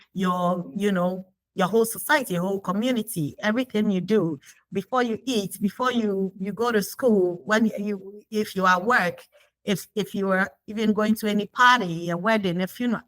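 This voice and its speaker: A woman's voice: mid-range voice, a bit bright, dry recording, poor audio. A woman from Ghana being interviewed, talking reflectively with frequent fillers and restarts. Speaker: guest. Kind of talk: conversational interview.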